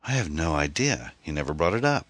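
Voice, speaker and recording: A man's voice: rumbling low, big pitch swings, a little fast, a bit bright, no room sound, exaggerated voice. A man voicing a worried, hesitant middle-aged single mother. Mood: anxious.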